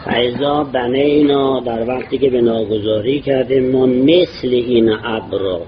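A man teaching Arabic grammar in a lecture, reading Arabic phrases slowly and then explaining them at length. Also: mid-range voice. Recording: dull lo-fi recording with clear background noise.

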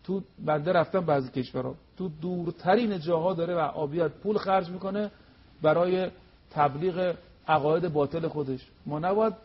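A man's voice: fairly high pitch, husky, highs cut off. A man preaching on a religious TV program, emphatic and full of rhetorical questions. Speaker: cleric guest on religious TV program.

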